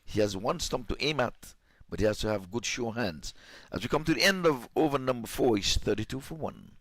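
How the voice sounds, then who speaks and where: A man calling a live cricket match as commentator, his voice climbing high and loud when a catch or wicket comes. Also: lively intonation, a little fast, dry recording. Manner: rises sharply in pitch and volume at big moments.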